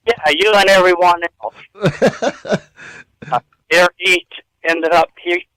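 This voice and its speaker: A man's voice: sits high, fairly bright tone, no echo, rough recording. A man in his fifties telling stories as a radio interview guest, earnest and rambling with frequent chuckles. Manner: earnest, rambling storyteller who chuckles often. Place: hotel room.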